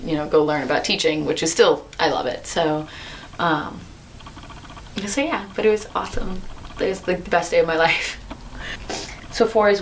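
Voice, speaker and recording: Bubbly young woman vlogging, slightly low voice. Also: slight background noise. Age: 20s. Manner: bubbly, animated storytelling. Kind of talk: casual chat to camera.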